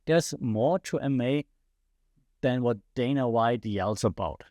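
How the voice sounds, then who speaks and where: A podcast host with a German accent delivers passionate solo commentary, throwing rhetorical questions at his listeners while slightly losing his voice. His medium-pitched, darkish voice moves at a measured pace, recorded dry with clean studio sound.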